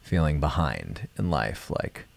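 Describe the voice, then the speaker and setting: A man with a very deep, gravelly voice hosts a live stream where he leads meditation and chats easily. He sounds gentle, reflective and unhurried, with a sing-song lilt.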